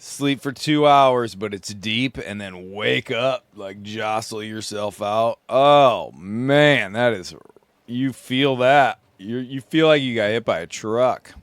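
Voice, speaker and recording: Sleep-deprived man rambling slowly. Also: mid-range voice, smooth, no echo. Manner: rambling, groggy, musing. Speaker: podcast host, solo sailor. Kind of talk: casual self-recorded monologue. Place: small sailboat at sea.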